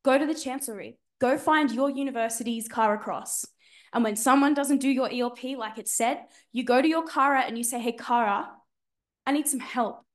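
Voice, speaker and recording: A woman's voice: high-pitched, brisk. A young woman with an Australian accent, speaking as a student panelist, telling her own story in an emphatic, colloquial way to motivate others. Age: young adult. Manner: emphatic, colloquial, dramatic phrasing.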